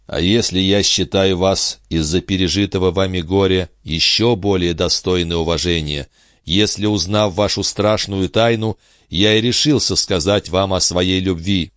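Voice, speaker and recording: An ardent young nobleman, played by a male reader in a low voice, his pleas earnest and tender. The sound is close and dry, with no room around it. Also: steady tone, moderate pace, a bit bright, no room sound.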